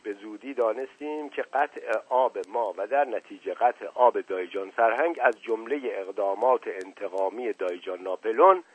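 A man narrating a novel aloud in a measured storytelling manner, dropping quietly into asides. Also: fairly low pitch, breathy edge. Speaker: audiobook narrator. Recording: narrow phone-like sound.

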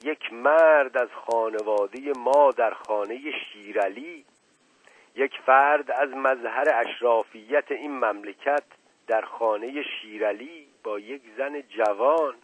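A man's voice: medium pitch, husky, no room sound, natural voice. A man voicing an older family patriarch who speaks in an imperious, indignant tone. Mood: outraged. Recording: tinny phone-like dry recording.

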